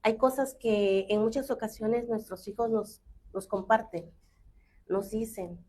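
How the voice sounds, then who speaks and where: A woman's voice: fairly high pitch, unhurried, a little mellow, slightly rough. A middle-aged woman on a talk show panel, telling a family story and acting out the quoted dialogue. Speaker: panel guest.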